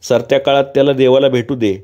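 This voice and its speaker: A man's voice: mid-range voice, flat delivery, fast talker, warm tone, natural voice. A man voicing a worried adult son from a village who talks bluntly in a raised voice. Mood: earnest.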